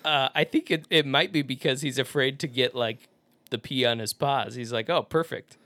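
A man's voice: medium pitch, fairly even intonation, moderate pace, bright, forceful tone, dry recording. A man co-hosting a casual chat, telling a story with lots of laughs and fillers.

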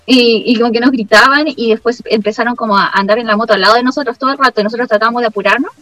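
A woman's voice: on the high side, rapid-fire, no echo, highs cut off. A young woman with a Chilean accent, a former missionary, telling a story in casual chat and often saying 'como'. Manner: lively storytelling, leans on the filler 'como'.

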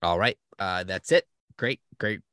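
A man's voice: deep voice, unhurried, bright, forceful tone, clean tone, no echo, clean studio sound. A man moderating a mock-formal comedy podcast debate in a wry, mock-formal way.

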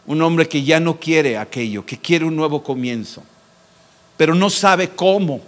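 A male pastor preaching a sermon, swinging between loud emphatic declarations and soft, hushed reassurances. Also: on the high side, expressive, measured pace.

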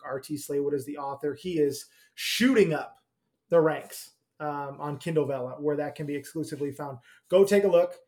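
Higher-voiced joking male podcast host. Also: dark tone. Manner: joking, laughs easily, many fillers. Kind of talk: casual chat.

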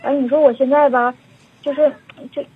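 A woman's voice: sits high, fairly even intonation, moderate pace. A young woman in her twenties with a Northeastern Mandarin accent, calling in over the phone and rambling through her story with many fillers. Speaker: caller. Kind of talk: phone-in confession. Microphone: telephone. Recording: tinny dry phone line.

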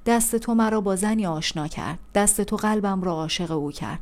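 A woman's voice: mid-range voice, darkish tone, lightly acted. A woman reading aloud, voicing an anguished male prophet who cries out in bitter reproach to God over a ruined city. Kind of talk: audiobook reading.

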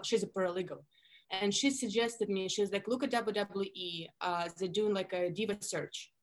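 A woman in her thirties speaks English with a Russian accent. Her voice sits at a middle pitch, and she tells her stories in an animated, chatty way full of fillers and restarts. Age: 30s. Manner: animated storytelling with many fillers. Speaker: guest. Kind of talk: casual interview chat.

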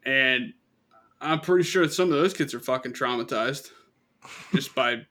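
A man's voice: mid-range voice, a little slow, sharp tone. A young man casually telling rambling, profanity-laced stories on a podcast and laughing at his own jokes. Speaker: podcast co-host. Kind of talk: casual storytelling chat.

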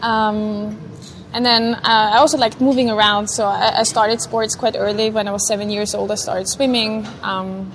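A woman, a neuroscientist answering interview questions in a hesitant, thoughtful way with many pauses. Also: mid-range voice, flat delivery, slight background noise. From Vienna, Austria. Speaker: guest, neuroscientist. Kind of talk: casual interview chat.

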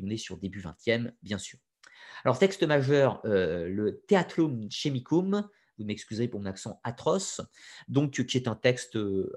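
Speaking off the cuff about occult history, this male lecturer has a mid-range, slightly mellow voice with a breathy edge. He builds his explanation step by step, stumbles often into fillers and restarts, and talks straight to the audience, dropping in his own opinions.

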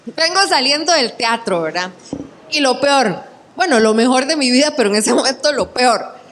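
A Costa Rican woman in her thirties telling funny stories in casual chat, animated and often laughing. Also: high-pitched, normal speed, slight background noise. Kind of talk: casual storytelling.

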